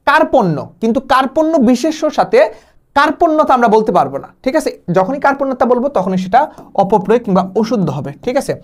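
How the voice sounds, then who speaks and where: A man's voice: very high-pitched, expressive, fast talker. A young man from Bangladesh giving an exam-prep lecture, explaining step by step and dropping English words in. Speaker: admission test tutor.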